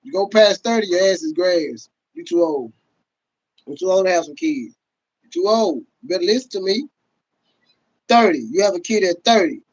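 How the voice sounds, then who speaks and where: A high-pitched man in his thirties with a very lively voice that jumps around, ranting on a livestream. He is loud, profane and laughing as he talks to his viewers. The audio is dull and lo-fi. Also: normal speed, long pauses. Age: 30s. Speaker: livestream host. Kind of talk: casual livestream rant.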